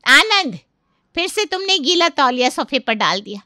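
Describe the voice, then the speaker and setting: Cartoon mom-in-law, fussy and nagging, high sharp voice played by a woman. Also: big pitch swings, brisk, no echo, clean studio sound, exaggerated voice. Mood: exasperated. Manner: complaining, exasperated scolding. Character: fussy exasperated middle-aged mother-in-law. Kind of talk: cartoon voice acting.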